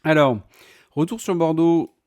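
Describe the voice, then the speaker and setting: A man's voice: a little high, measured pace, a little mellow. A man talking casually in a vlog, chatty and full of fillers and restarts. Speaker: vlogger.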